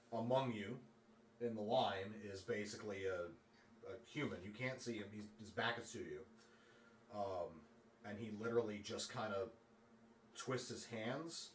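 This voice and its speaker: Male dungeon master narrating: bright, forceful, loose with fillers, roomy off-mic sound. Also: lowish voice, recorded from a distance, a little hiss or hum. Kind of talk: narrating a tabletop game. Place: room at a streamed game table. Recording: roomy, off-mic, faint room ambience.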